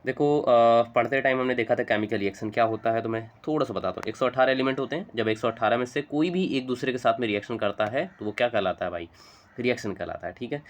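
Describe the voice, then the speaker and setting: Male teacher, quick chatty explainer who keeps checking in with the class. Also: mid-range voice. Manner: fast, chatty, coaxing with frequent "theek hai" and "bhai". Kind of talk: chalk-talk chemistry lesson.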